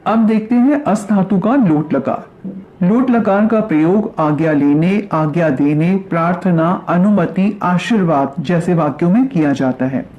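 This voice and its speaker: A woman teaching a grammar lesson. She recites verb forms slowly, then asks questions and answers them herself. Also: fairly low pitch, muffled recording. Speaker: Sanskrit teacher.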